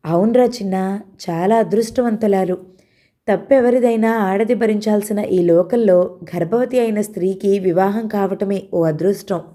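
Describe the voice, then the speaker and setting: A woman voicing a fond, sharp-tongued middle-aged mother in a read-aloud novel. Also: mid-range voice, moderate pace, close to an everyday voice. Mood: chiding.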